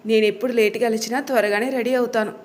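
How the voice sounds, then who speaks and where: A cheerful young working woman from an audio story, voiced by a female narrator. She is lively and a bit whiny when nagged. The voice is slightly high. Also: fast, natural voice.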